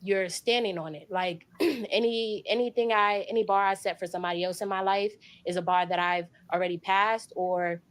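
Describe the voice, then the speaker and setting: A woman's voice: mid-range voice, steady tone, moderate pace, few pauses. A woman in a casual discussion, giving earnest opinions with many fillers. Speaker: podcast guest.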